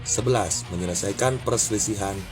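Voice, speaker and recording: A man reading numbered points aloud in a measured way. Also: lowish voice, music in the background.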